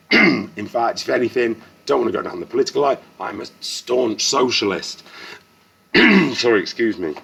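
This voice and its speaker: A man's voice: mid-range voice, sing-song, moderate pace, gravelly, fairly bright tone, slightly rough. A man in his fifties telling a personal story to camera, frank and earnest, often restarting sentences and swearing. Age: 50s. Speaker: vlogger.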